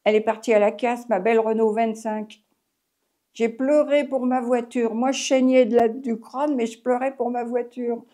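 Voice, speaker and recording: Her voice is a little high and dark, holding a steady tone at normal speed. She's an eighty-something Frenchwoman who used to drive a taxi, chatting her way through an oral history interview with plenty of rambling and restarts.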